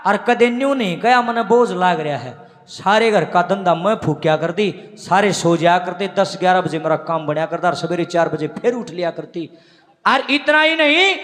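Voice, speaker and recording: A man's voice: very high-pitched, a bit bright, full character voice. Man voicing a wise Haryanvi village mother. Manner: earnest storytelling cadence. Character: devoted village mother, older woman, patient and wise. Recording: long reverb in a large hall.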